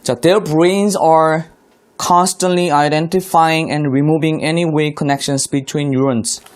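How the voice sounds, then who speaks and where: A man teaching high school English, walking through a textbook passage step by step and asking the class rhetorical questions. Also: steady tone, very slow. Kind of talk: online classroom lecture explaining a textbook.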